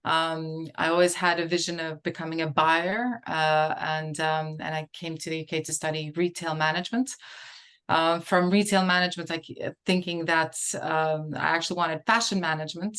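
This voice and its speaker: A woman in her forties from Portugal, with a low, clear, resonant voice that's fairly bright, speaks at a moderate pace with fairly even intonation. She answers questions hesitantly in a casual interview conversation, using many fillers and restarts.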